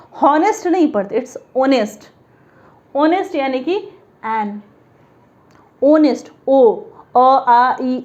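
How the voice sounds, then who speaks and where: A woman teaching an English grammar lesson to learners, explaining step by step and sounding out letters slowly. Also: high voice, a little mellow, highs cut off.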